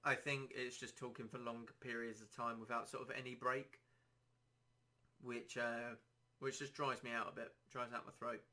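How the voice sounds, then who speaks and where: A man hosting a casual solo podcast, rambling and self-deprecating, his throat a little dry and hoarse. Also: mid-range voice, flat delivery, moderate pace, pushed and bright. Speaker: podcast host.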